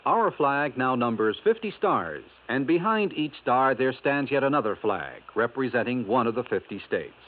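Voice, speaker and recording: A male announcer giving a measured, educational scripted radio segment. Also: medium pitch, animated. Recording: tinny 1950s radio broadcast.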